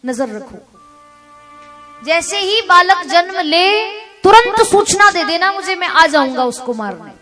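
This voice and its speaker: A woman's voice: very high-pitched, expressive, a little slow, pushed and bright, faint music behind, full character voice. A woman voicing an arrogant tyrant king, commanding and threatening, while telling a devotional story.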